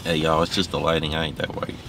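A young man joking excitedly in slangy casual chat with friends in a car. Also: very deep voice, fast talker, distant mic. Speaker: friend on a road trip. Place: inside a car. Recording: car interior with loud road noise.

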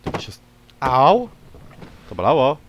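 A young man giving casual, joking commentary while he plays a game, talking to its characters and breaking into loud excited yelps. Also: mid-range voice, measured pace, highs cut off. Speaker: gameplay commentator. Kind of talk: casual let's-play commentary. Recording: old mic with clear background noise.

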